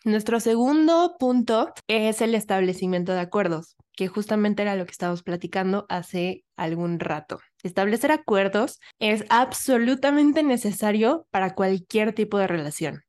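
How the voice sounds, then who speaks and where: A woman's voice: mid-range voice, lively intonation, moderate pace, few pauses, a little mellow. A woman co-hosting a podcast, explaining points emphatically and acting out little examples. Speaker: podcast co-host. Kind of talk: casual podcast talk.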